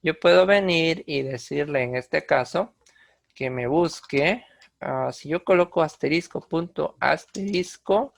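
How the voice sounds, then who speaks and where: A man's voice: fairly high pitch, a little slow, creaky. A man explaining computer commands step by step in a screen-recorded tutorial, with frequent fillers and restarts. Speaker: instructor.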